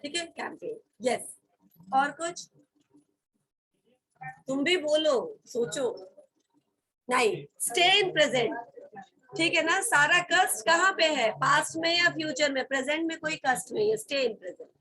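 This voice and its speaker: High bright firm Indian woman teacher. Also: lively intonation, slow pace, long pauses, low-quality recording. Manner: firm and scolding, spells words letter by letter. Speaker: English vocabulary teacher. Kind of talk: classroom lesson mixing Hindi and English. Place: college classroom.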